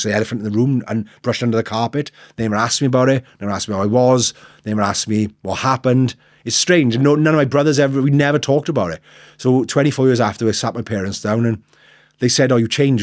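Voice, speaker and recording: A man's voice: medium pitch, dry recording, clean studio sound. A middle-aged man with a South Wales accent, telling his personal story candidly and earnestly, repeating phrases and acting out remembered conversations. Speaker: interview guest, motivational speaker.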